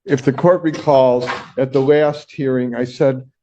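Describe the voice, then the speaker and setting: A male defense attorney argues his motion in a formal, measured way, speaking directly to the judge. His voice has a mellow, darker color. The sound comes from a dull, lo-fi courtroom recording. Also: mid-range voice, fairly even intonation, a little hiss or hum. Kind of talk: courtroom argument.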